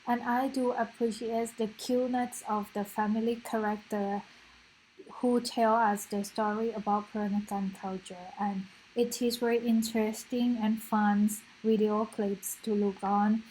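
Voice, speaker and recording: A woman's voice: on the high side, level tone, measured pace, a little mellow, poor audio. A woman lecturer giving informal commentary as she hosts student presentations. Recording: faint background noise.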